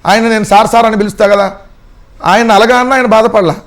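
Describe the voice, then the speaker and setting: Fast, high-pitched mocking panelist man. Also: steady tone. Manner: mocking, rapid rhetorical questions. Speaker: political panelist. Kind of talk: heated TV panel debate.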